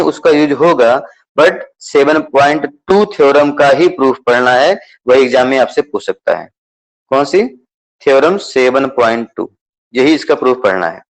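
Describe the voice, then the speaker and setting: A man's voice: medium pitch, low-quality recording. A man teaching mathematics, going over a syllabus, who repeats key points and keeps asking students whether they understood. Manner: repetitive, checks understanding with questions; mixes English terms into Hindi explanation. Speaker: math teacher.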